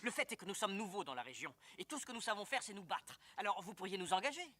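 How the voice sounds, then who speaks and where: A man's voice: high-pitched, sing-song, quick pace, pushed and bright, slight background noise, exaggerated voice. An actor playing an ambitious, scheming young man hungry for wealth in a French martial arts film dub. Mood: fawning.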